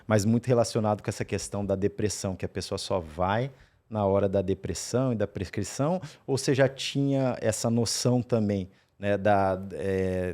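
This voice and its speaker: Brief: man, podcast host, lowish voice, hesitant questions full of fillers. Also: warm tone. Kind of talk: casual interview questions.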